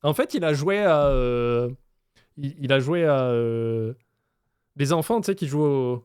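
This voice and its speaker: A man's voice: mid-range voice, expressive, a little slow, darkish tone, clean tone, dry recording, studio quality. A young man reacting to a show, mocking and swearing a lot as he acts out scenes. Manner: sarcastic, mocking, swears freely, laughs often; acts out scenes in other voices. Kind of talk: casual reaction commentary.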